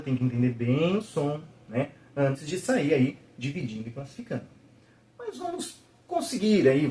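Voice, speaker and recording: In a video lesson, a man patiently checks in with the viewer and slowly sounds out every syllable. His voice is a little high with a darkish tone.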